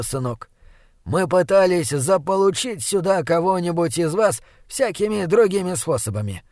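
A man reads as a smooth, patronizing old leader of a small town, coaxing and talking down to a young stranger. The voice sits a touch high and sounds close and dry, with no room around it. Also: no room sound. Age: older. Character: elderly male town elder, smooth, condescending.

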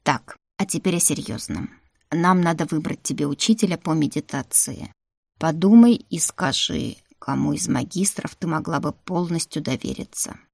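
Brief: a woman reading as a composed older-brother rector, deep, measured, dry-spoken, storybook reading. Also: creaky, a little mellow, slightly rough, dry recording, heavily acted. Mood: calm. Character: calm male rector, the heroine's older brother.

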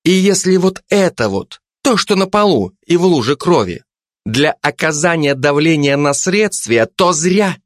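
Give me a man putting on a domineering policewoman's voice, raised high and lively. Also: unhurried, no echo, studio quality. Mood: bossy. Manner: loud, domineering, scolding. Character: brash bossy female police investigator. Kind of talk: audiobook character voice.

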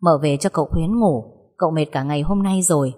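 A woman doing a coolly polite young wife. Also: sits low. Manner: calm, measured. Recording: long hall reverb.

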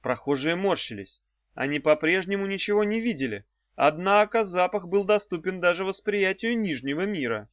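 A man narrating an audiobook in a lively, animated storytelling manner. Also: high-pitched, moderate pace, no echo. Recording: dull, dry lo-fi audiobook recording.

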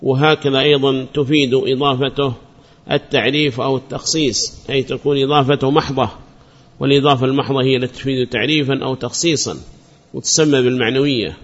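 A man teaching a grammar lesson at an even, mid-range pitch, calling on students by name and restating each rule patiently. The recording is muffled and lo-fi. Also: quick pace. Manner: quizzes students by name and praises answers; repeats and restates points patiently.

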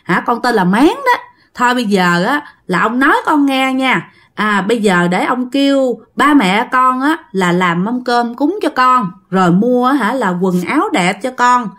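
Brief: woman playing an old shaman, soft coaxing delivery, Southern Vietnamese accent, spoken ghost story. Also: a little high, lively intonation, unhurried. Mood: gentle. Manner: gentle, soothing, coaxing. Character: old male village shaman, calm and coaxing.

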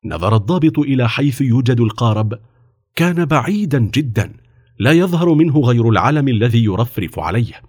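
Expressive male storyteller. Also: mid-range voice, brisk, breathy edge. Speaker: narrator. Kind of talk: children's story narration.

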